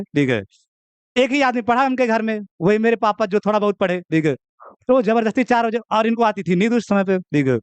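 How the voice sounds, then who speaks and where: A man's voice: high-pitched, clear, resonant tone, dry recording. A young man teaching maths to a class, chatty and teasing, often checking in with "okay". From India. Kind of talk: classroom lecture.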